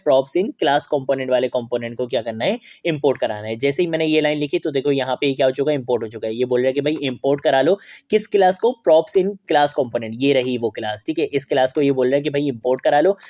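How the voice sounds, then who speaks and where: A man's voice: mid-range voice, a little mellow, dry recording. A man teaching a screen-recorded coding tutorial, explaining step by step, asking and answering his own questions and checking in often. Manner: repeats "theek hai" often as a check-in. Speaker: programming tutor.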